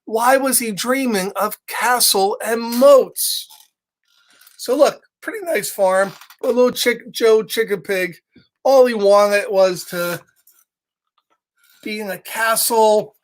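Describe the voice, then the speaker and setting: This man's voice is high-pitched, and he takes his time. He's a children's storytime host and reader, joking around with kids and speaking right to them during a relaxed livestream story session.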